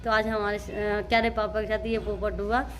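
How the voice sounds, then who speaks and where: A mother vlogger speaks directly to her viewers in a casual family vlog filmed on a handheld phone camera, first at home and later on the rooftop. Her woman's voice is mid-range, with a flat delivery at normal speed.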